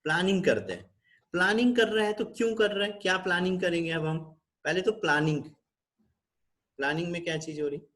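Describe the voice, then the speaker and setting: High-voiced Indian man teaching nursing online. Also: lively intonation, brisk, a bit bright. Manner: teacherly, keeps checking with the class; switches between Hindi and English. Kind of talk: online class lecture. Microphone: video call.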